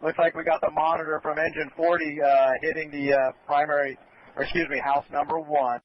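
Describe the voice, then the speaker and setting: A man's voice: fairly high pitch, little pitch movement, a little fast. A man acting as fire incident commander, giving orderly, polite instructions over a two-way radio. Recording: dull radio recording with faint noise.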